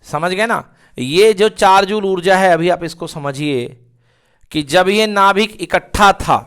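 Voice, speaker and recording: A man's voice: high-pitched, slow, fairly bright tone, smooth. A male physics teacher lecturing to students, repeatedly asking questions and answering them himself. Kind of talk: classroom lecture.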